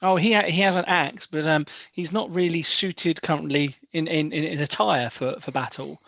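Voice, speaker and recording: A diplomatic elf, played by a man in a tabletop role-play. He is formal and politely persuasive, in a slightly high male voice. The sound is dry and a little lo-fi. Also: normal speed, creaky, fairly bright tone, no room sound. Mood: courteous. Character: courteous, diplomatic male elf, smooth-talking negotiator. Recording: dull, lo-fi close audio.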